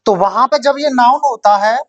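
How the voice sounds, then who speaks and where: A male English teacher giving a classroom lecture for exam prep. He explains slowly, repeats key words and keeps quizzing the class. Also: very high voice, a bit bright, dull audio. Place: coaching classroom.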